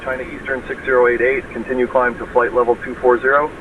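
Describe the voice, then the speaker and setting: A man working as an air traffic controller, giving clipped, procedural instructions over a helmet radio. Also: medium pitch. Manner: flat, brisk, procedural delivery. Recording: tinny radio with static.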